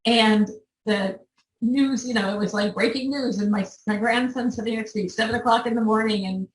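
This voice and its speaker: An older woman, a volunteer organizer, speaking earnestly and haltingly to a meeting, at times emotional. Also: a little high, fairly even intonation. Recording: roomy sound from a distant mic.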